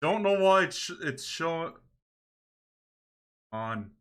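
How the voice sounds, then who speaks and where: Bright-voiced man streaming a game, unhurried. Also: a little high, expressive, clear, resonant tone. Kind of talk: casual livestream gaming commentary, thinking aloud.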